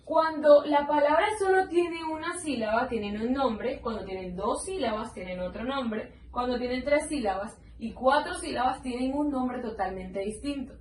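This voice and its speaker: A woman teacher giving a lesson. She is patient and sounds words out slowly, syllable by syllable. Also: sits high, lively intonation. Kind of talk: slow explanatory lesson. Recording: roomy echo, mic at a distance, faint background noise.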